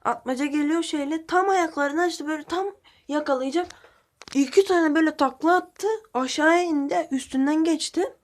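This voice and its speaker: In a high-sitting voice at an ordinary pace, a pigeon keeper chats to her viewers about her birds. Her vlog commentary is blunt and casual, with the occasional swear word.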